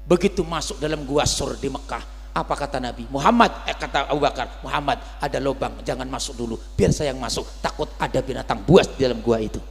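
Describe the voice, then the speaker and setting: A man preaching a sermon in the village style, telling the story theatrically and leaping into shouted high peaks when he acts out the quotes. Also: fairly quick, creaky. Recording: reverberant hall with mains hum.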